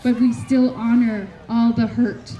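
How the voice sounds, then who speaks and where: A woman from Canada speaks at a community memorial gathering in a high, soft-edged voice. Her delivery is slow and sincere, with measured pauses between phrases. The sound is muffled and lo-fi, with a faint hiss of background noise behind her. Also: level tone. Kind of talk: heartfelt public address.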